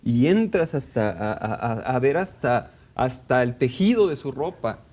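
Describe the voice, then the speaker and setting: A man talking in a casual literary discussion, halting and hesitant, with many fillers and restarts. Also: medium pitch, big pitch swings, darkish tone. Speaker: book discussion panelist.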